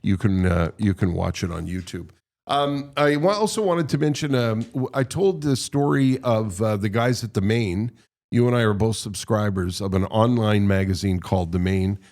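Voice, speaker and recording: A man co-hosting a podcast in casual chat, animated and quick to laugh. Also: lowish voice. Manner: animated, laughs often, restarts sentences. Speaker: podcast co-host. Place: podcast studio.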